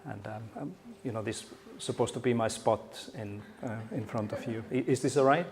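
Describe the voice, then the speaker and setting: This middle-aged man from Finland speaks at a moderate pace in a mid-range voice, his Finnish accent audible as he gives a conference keynote. He jokes around in a friendly manner and restarts himself often.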